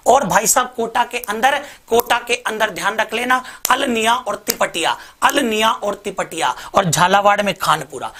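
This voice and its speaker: Brief: male tutor, bright forceful voice, rapid repetitive drilling of mnemonics to online students. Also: extremely high pitch. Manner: lively, repetitive drilling, addresses viewers as bhai sahab. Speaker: teacher. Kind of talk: online exam-prep lesson with mnemonics.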